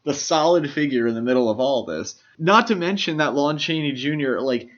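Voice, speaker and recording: A podcast co-host with a fairly high, animated voice discusses movies at a brisk clip, eager and explanatory in a casual way. The recording sounds lo-fi and slightly dull.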